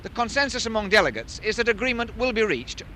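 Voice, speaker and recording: A man working as a news reporter, delivering scripted questions and reports in a formal, deliberate broadcast manner. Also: high-pitched, very animated, bright, forceful tone. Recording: 1970s archive news recording, faint noise.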